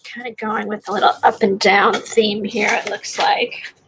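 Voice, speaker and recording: An art livestream host with a sinus infection, her voice congested and stuffy, shows a craft technique in a casual demo, rambling as she thinks aloud. She uses a mid-range voice with flat delivery at normal speed, against a noisy background.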